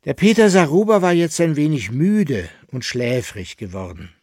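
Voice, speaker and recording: A man reading a historical novel aloud in measured, expressive narration. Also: a little high, no room sound, clean studio sound. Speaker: audiobook reader. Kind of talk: literary reading.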